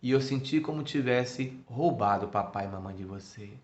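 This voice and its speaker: A man voicing a frail, gravely ill young boy who speaks softly and earnestly in a spiritist talk. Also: mid-range voice, moderate pace, natural voice. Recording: echoey room, muffled sound.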